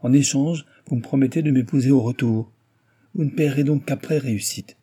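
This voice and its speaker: A man voicing a scheming young woman who bargains coolly in a storybook reading, pitching his husky voice a little higher. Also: moderate pace, mellow, natural voice. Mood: bargaining. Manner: cool, bargaining.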